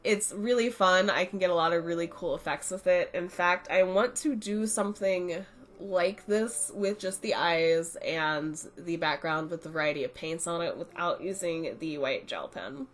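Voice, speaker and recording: A young woman who hosts an art channel chats casually in a voice-over review, explaining her art supplies as she goes while congested from a cold. Her voice is fairly low and her pace moderate, her manner relaxed and chatty.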